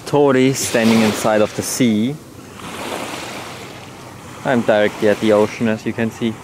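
Rambling young man vlogging outdoors. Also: medium pitch. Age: young adult. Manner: rambling, searches for words, gushes over animals. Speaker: travel vlogger. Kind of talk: casual travel vlog narration. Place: outdoors on a seaside shrine island. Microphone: action camera held at arm's length. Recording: outdoor wind and water noise. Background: water lapping and outdoor ambience.

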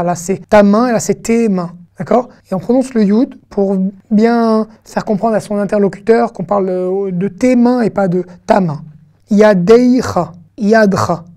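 Patient woman teacher, warm mellow tone, drills pronunciation syllable by syllable for an online lesson. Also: mid-range voice. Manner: patient, sounds words out syllable by syllable, checks in often. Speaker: Hebrew reading teacher.

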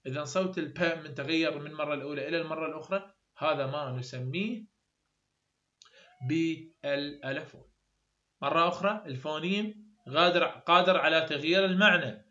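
Higher-voiced Iraqi male tutor, roomy lo-fi. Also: fairly quick, bright, forceful tone. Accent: Iraqi Arabic. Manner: repeats example sounds over and over, plain explaining. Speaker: university English tutor. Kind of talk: explanatory lecture. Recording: roomy, dull lo-fi sound.

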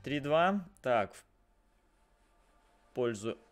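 A man's voice: medium pitch, very animated, extremely slow. A man doing live fighting game commentary, slangy and exclamatory, repeating phrases for emphasis. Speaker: esports commentator. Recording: loud game music behind. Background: fighting game music and sound.

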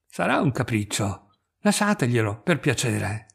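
A man's voice: medium pitch, big pitch swings, a little slow, gravelly, breathy edge, full character voice. A man voicing an anxious, fretful lady of about thirty, exclaiming in despair.

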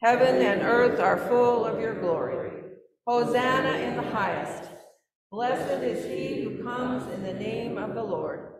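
A woman pastor leading a communion prayer in a measured, solemn intoning manner, heard with cathedral echo. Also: on the high side, over a noisy crowd. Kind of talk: liturgical prayer. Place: large church sanctuary. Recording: echoey church from a distance.

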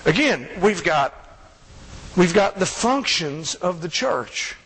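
A man's voice: high-pitched, very animated, slow pace, fairly bright tone, slightly rough. A man preaching a sermon as pastor, conversational and joking, with asides to the congregation. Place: church sanctuary. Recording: long church reverb.

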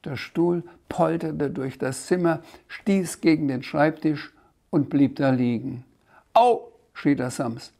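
A man with a German accent reading his own children's book aloud, in a lively, expressive way with occasional asides. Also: on the high side, takes it slowly, creaky. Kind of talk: storybook read-aloud.

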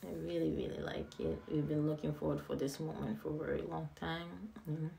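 A young adult woman casually narrating a tour of an empty house, excited and rambling, repeating words, filmed on a handheld phone indoors. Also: deep voice, a little fast, gravelly. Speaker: vlogger giving a house tour. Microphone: handheld phone camera, filming.

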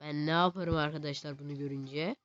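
A male gaming host giving casual, excitable commentary while he plays, teasing the game characters and chanting words over and over. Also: a little high, fairly quick. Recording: slightly dull lo-fi recording.

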